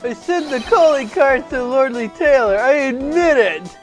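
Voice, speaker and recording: Guy doing a jittery young dude, stammery, yells high and shrill, slow and drawn out. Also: lively intonation, faint music behind. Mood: frantic. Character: jittery young man, timid, blurting confessions.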